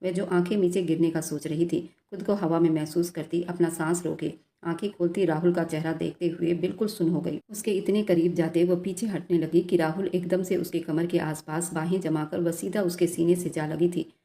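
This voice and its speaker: A woman narrating a romantic story in a steady, even reading voice. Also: fairly low pitch, moderate pace, few pauses.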